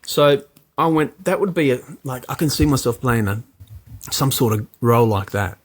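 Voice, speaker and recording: A man's voice: medium pitch, normal speed. Aussie guy in his 40s chatting on a podcast, lots of "you know", acts out lines. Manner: animated, many fillers, acts out quoted lines. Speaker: actor and producer guest. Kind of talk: casual interview chat.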